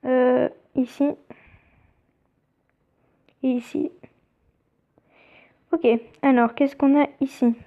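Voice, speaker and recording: A young woman chatting casually as she plays a mobile game, reading its text aloud and thinking out loud. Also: high voice, level tone, drawn-out words, creaky, pauses often. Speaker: let's play gamer. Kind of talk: casual gameplay commentary. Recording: tinny phone-like sound.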